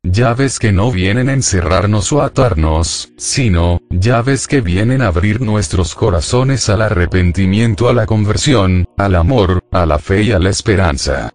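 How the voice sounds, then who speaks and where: A man reading a scripted religious reflection in a measured, declarative way. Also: fairly low pitch, expressive, a little mellow, no echo.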